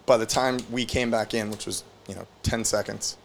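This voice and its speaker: A man's voice: fairly low pitch, fairly even intonation, moderate pace, vocal fry, a little hiss or hum. A young man hosting a podcast, telling a story in casual, profane talk full of "like". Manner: rambling, profane, lots of "like". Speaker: podcast host.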